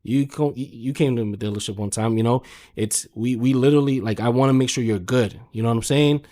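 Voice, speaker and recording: Speaking fairly quickly in a mellow, mid-range voice, a man tells stories in a casual chat as a podcast guest. He manages car sales, and his talk is emphatic and slangy, full of swearing and tags like "man" and "you know".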